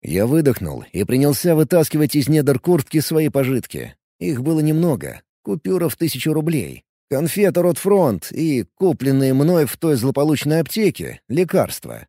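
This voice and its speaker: A male audiobook narrator tells a first-person story with a lively, swinging delivery at normal speed. His fairly high voice is mellow and darkish, recorded dry and close to the mic with no room sound.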